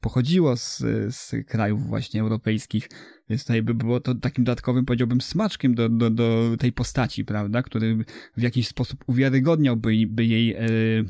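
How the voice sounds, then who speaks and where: Creaky, mellow-voiced man in film discussion. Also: mid-range voice, fairly even intonation, normal speed, dry recording, studio quality. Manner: hesitant, wordy, often tags phrases with 'prawda'. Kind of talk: casual analytical discussion.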